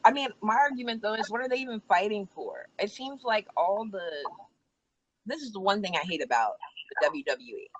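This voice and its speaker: A woman co-hosting a casual wrestling chat, talking in a chatty, animated way and laughing easily, recorded out back outdoors. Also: mid-range voice, brisk, no room sound. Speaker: co-host. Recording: dull lo-fi sound.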